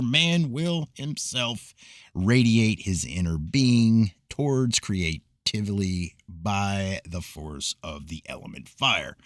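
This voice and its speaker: Low-voiced man reading esoteric text. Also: dry recording, clean studio sound. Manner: measured, formal reading with occasional stumbles. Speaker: reader of esoteric texts. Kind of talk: reading a book aloud. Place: cold room.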